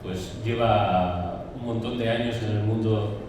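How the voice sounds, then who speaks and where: A man's voice: fairly low pitch, steady tone, a little slow. A man with an accent from Spain moderating a panel, introducing speakers and asking questions, hesitating as he searches for words. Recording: very echoey hall, distant, noisy.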